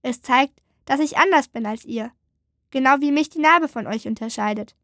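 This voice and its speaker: A woman voicing a calm, soft-spoken male wooden creature in a storybook. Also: sits high, moderate pace, no room sound, clean studio sound.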